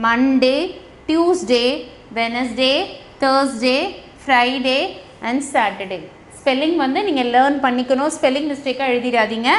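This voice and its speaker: A woman with a Tamil accent teaching a lesson to young children. She switches between Tamil and English and spells out words letter by letter. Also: high voice. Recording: echoey room with faint noise.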